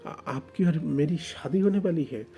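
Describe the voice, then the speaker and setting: A man's voice: fairly high pitch, unhurried, gravelly, warm tone, voice pushed up. A man voicing a stammering, tearful young man. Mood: tearful pleading. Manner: stammering, whiny pleading. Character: tearful timid young man, sulking fiancé.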